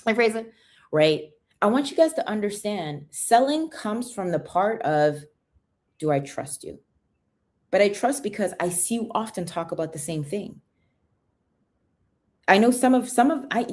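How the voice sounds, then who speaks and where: A young woman hosts a relaxed sales livestream, chatting, welcoming viewers, and frequently asking "right?" Raised in the UK but with an American accent, she has a mid-range voice with a darkish tone.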